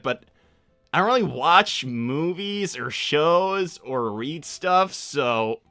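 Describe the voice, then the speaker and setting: Sonic, bright hesitant young hedgehog, voiced by a man. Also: on the high side, dry recording, heavily acted. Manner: hesitant, rambling, casual. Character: Sonic, casual, slightly awkward young male cartoon hedgehog. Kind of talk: improvised in-character livestream Q&A.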